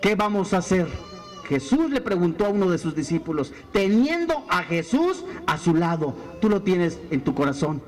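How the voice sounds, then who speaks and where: A man's voice: high voice, very animated, moderate pace, hardly any pauses. A male pastor preaching a fiery sermon full of rhetorical questions.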